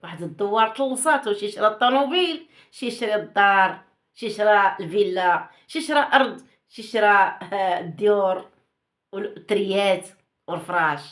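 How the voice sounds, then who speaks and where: A woman's voice: medium pitch, a little fast, a bit bright. Moroccan woman hosting insinuating gossip talk. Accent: Moroccan Arabic. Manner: insinuating, teasing rhetorical questions, repeats herself. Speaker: gossip channel host. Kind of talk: casual gossip commentary.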